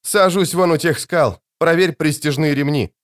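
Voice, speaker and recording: A man's voice: a little high, moderate pace, pitched above the performer's own voice, close to an everyday voice. A man reading an audiobook, voicing a focused teenage boy piloting an aircraft, clipped and decisive. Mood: terse.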